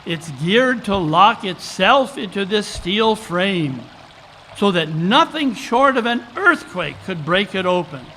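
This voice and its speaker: A man performs a keen detective in an old-time radio play. The voice is high for a man and forceful, with precise, formal phrasing. He sounds unflappable yet eager as he reasons, over faint noise in a live recording. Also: sing-song, takes it slowly, exaggerated voice. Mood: excited. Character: Sherlock Holmes, keen unflappable English detective, analytical, excitable when reasoning. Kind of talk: old-time radio drama acting, live stage reading. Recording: live conference recording, background water noise.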